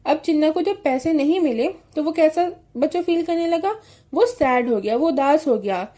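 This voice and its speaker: A woman teaching an English story to children, reading lines slowly and then explaining them with questions. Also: sits high, animated, dark tone.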